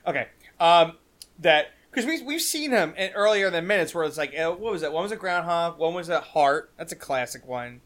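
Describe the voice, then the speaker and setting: Chatty man, slightly high voice. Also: animated, fairly quick, fairly bright tone. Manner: rambling, many restarts and fillers. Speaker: podcast co-host. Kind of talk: casual film discussion.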